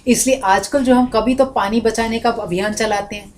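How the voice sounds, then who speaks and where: A woman with a fairly high voice gives a classroom lecture, explaining ideas and acting out little spoken examples to make her point. A faint hum of room noise sits under her voice. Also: steady tone, moderate pace, darkish tone. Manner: explanatory, switches into demonstrative examples and recitation. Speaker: Sanskrit teacher.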